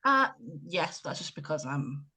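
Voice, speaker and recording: A woman from Ireland co-hosting a casual chat podcast, retelling scenes with lively quoted voices. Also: deep voice, measured pace, husky. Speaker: podcast co-host.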